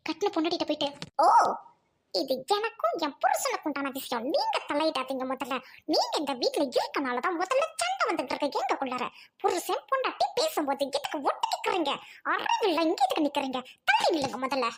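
A woman playing a scornful, sharp-tongued young wife who taunts and mocks her husband's family. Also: very high voice, wildly swooping pitch, a little fast, noisy background, heavily acted. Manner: mocking, taunting.

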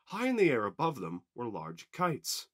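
A man narrating a children's train story in an expressive storybook reading. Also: mid-range voice, normal speed.

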